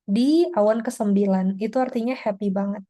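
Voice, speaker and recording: A woman's voice: medium pitch, normal speed, warm tone. A woman teaching an online exam-prep class over a video call, explaining in a chatty way with frequent tag words. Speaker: IELTS teacher.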